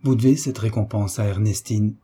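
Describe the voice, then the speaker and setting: A man voicing a kind young woman who speaks gently and encouragingly. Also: fairly low pitch, fairly even intonation, normal speed, slightly rough. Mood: warm.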